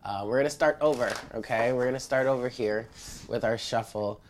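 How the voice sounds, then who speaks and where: Talking a little fast, a tarot reader with a congested, medium-pitched voice addresses viewers casually while giving a spiritual reading at an indoor table. The background is noisy.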